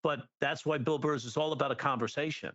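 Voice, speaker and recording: A middle-aged man, a guest comedy writer and teacher, in casual podcast chat, lively and acting out jokes as he explains them. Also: fairly high pitch, fast talker, no echo, lo-fi sound. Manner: animated, acts out jokes and quotes.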